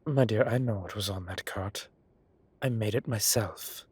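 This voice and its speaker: In a scripted intimate roleplay, a man plays a suave, gossip-loving gentleman boss, arch and playfully dramatic as he prods. His breathy, drawling voice sits on the low side at normal speed, with no echo.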